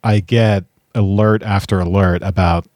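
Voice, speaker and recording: A man's voice: low-pitched, steady tone, a little slow, darkish tone, no echo, studio quality. A man co-hosting a podcast, chatting casually about films and thinking aloud as he goes. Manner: musing, thinks aloud with restarts. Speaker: podcast co-host.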